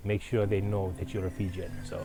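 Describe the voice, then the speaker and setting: A man's voice: low-pitched, flat delivery, fairly quick, vocal fry, background noise. A man from Fiji, a clothing brand founder, answering interview questions in an earnest, proud way with many fillers and restarts.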